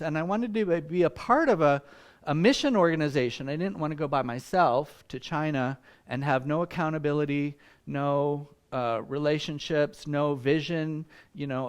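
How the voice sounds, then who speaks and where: Smooth-voiced man telling mission stories. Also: fairly high pitch, moderate pace. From Vietnam and Malaysia. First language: Vietnamese. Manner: friendly storytelling with frequent ums and uhs. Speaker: visiting missions speaker. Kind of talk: conversational church presentation. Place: church meeting room.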